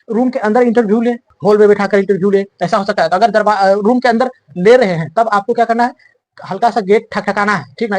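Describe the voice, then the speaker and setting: A man's voice: sits high, no echo. A man coaching students for an interview in a casual, chatty way, often checking that they follow. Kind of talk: casual instructive talk to students.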